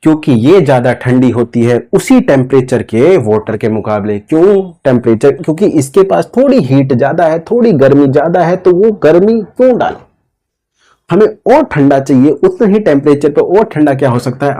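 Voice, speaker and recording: A man's voice: fairly high pitch, mellow. A man lecturing a class, asking questions and answering them himself, repeating key phrases again and again. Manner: repetitive call-and-response questioning, drawn-out key words. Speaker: teacher.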